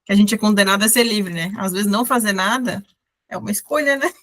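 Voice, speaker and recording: Fast-talking woman. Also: mid-range voice, fairly bright tone. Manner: chatty, shares trivia. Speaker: book club member. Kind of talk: casual group discussion.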